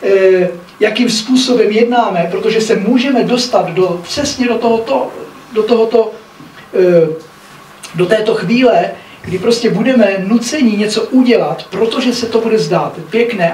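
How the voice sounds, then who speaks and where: A man with a high voice preaches an earnest sermon, stopping often to ask his congregation whether they follow. His voice rings through an echoey hall, picked up from some distance, with a faint hum of room noise behind it. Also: a little mellow. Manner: earnest, often checks in with listeners. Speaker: pastor. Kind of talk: sermon with scripture reading. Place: church hall.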